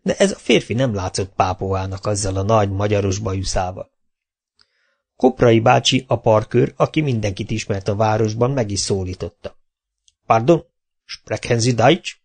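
A man reading a children's storybook aloud in a lively, expressive narration. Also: lowish voice, vocal fry. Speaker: audiobook reader.

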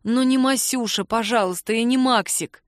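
A woman's voice: fairly high pitch, normal speed, no room sound, close to an everyday voice. A woman reading the part of an affectionate, teasing young man who drawls sleepily, in a dry close recording.

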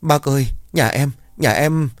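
A man's voice: fairly low pitch, expressive, moderate pace, no room sound, clean studio sound, lightly acted. A man voicing a distraught young village mother who pleads with choked, broken phrases in a storytelling narration. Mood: crying, pleading.

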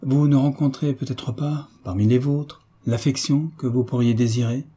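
A man's voice: mid-range voice, steady tone, normal speed, breathy edge, voice pushed up, natural voice. A man voicing a gracious young duchess. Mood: tender. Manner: gentle, affectionate questioning.

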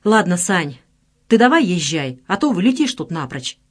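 A hot-tempered young gangster, as a woman reader puts him on, angry and scolding, full of coarse slang. The voice swings up and down in lively pitch. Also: moderate pace. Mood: bossy.

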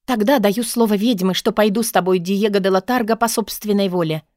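A woman voicing a young witch girl who speaks in excited, pleading exclamations in an audiobook. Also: medium pitch, fairly quick, no echo, clean studio sound, lightly acted. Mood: eager pleading. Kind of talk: audiobook character voice.

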